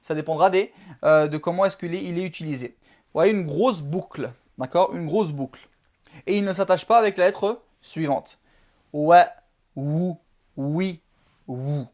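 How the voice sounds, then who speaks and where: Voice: mid-range voice, moderate pace, a little mellow. A teacher giving a video lesson, speaking patiently, drilling syllables one by one and checking in with the viewer often. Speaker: Arabic alphabet teacher.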